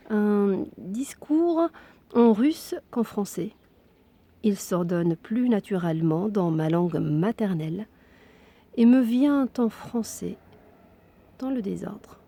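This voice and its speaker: A woman reads a literary passage aloud in a warm, mellow voice, taking her time over every phrase. Her delivery is intimate and hushed, sometimes sinking to a bare whisper, with long, deliberate pauses. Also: mid-range voice. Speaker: reader of a literary text. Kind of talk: expressive literary reading.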